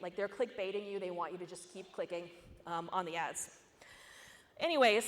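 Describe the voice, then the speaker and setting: A fairly high-pitched woman presents at a security conference, keeping it casual and conversational with frequent asides. Her voice carries a long reverb from the large hall around her. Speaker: conference speaker.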